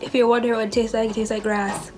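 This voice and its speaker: A woman's voice: fairly high pitch, level tone, fast talker, darkish tone, faint music behind, rough recording. A young woman talking casually as a vlogger, her nose stuffed up, chatty and candid about being stressed. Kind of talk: casual vlog chat.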